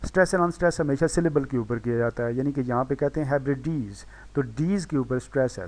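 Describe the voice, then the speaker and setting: A man gives a recorded pronunciation lesson. He explains step by step, drawing out example words slowly and repeating them. When he slips, he says "sorry" and corrects himself. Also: medium pitch, a little mellow. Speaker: English teacher.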